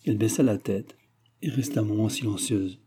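A man narrating a classic novel in a measured, even storytelling manner. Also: lowish voice, crowd noise. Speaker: audiobook narrator. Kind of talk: scripted literary narration.

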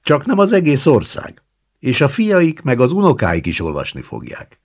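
A man's voice: mid-range voice, wildly swooping pitch, voice pushed up. A man voicing a cocky, tipsy young writer who brushes off his grandmother, in an audiobook reading. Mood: brushing off. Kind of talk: audiobook character voice.

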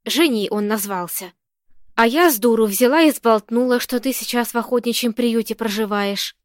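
A woman's voice: fairly high pitch, normal speed, dry recording, lightly acted. A woman reading the lines of a fussy, talkative old landlady who chatters and frets, in a dry, close-sounding recording. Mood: fretful. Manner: chattering, fretful.

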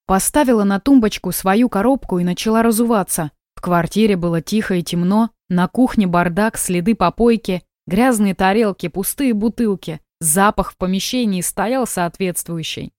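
A woman narrating an audiobook in an even, measured way. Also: medium pitch, dry recording, studio quality.

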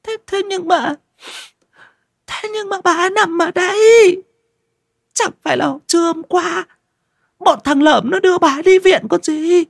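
A shrill, panicky village wife. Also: male voice, animated, a little slow, creaky, long pauses, husky, dry recording, clean studio sound, heavily acted. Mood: horrified. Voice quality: shrill falsetto wailing. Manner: frantic, pleading, stammering. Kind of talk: audio horror story reading.

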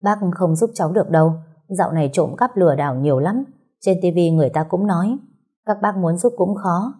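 A woman's voice: lowish voice, animated, brisk, mellow, breathy edge. A woman voicing a cool, cautious older woman who runs an eatery, speaking matter-of-factly in a storybook.

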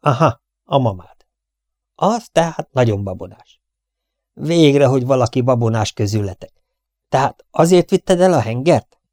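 A man's voice: medium pitch, animated, pauses often, darkish tone, no room sound, studio quality, natural voice. A man voicing a blunt, impatient one-armed army captain who interrogates a young soldier in an audiobook reading. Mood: gruff, interrogating.

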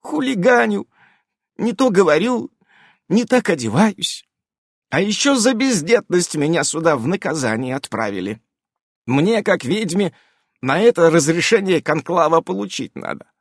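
A man putting on a wheedling young fox-witch woman from a storybook, whining in a high, lively voice, set close in a dry room. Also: a little slow, gravelly, dry recording, exaggerated voice. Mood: whiny. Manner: whining, ingratiating.

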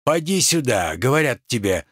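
A man's voice: medium pitch, big pitch swings, dry recording, clean studio sound, voice pushed down. A man declaiming as a pompous raging tragic actor. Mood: grandiloquent. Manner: declamatory, thundering, drawn-out grand phrases. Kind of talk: reading a stage play aloud.

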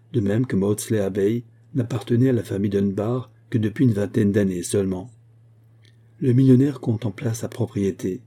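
A man narrating a classic novel in a steady, measured audiobook reading. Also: lowish voice, husky.

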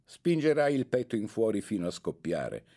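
A man's voice: fairly low pitch, very animated, normal speed, dark tone. A man reading the part of a stern young male schoolmate who lectures harshly and admonishes. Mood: stern admonishing. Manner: severe, admonishing.

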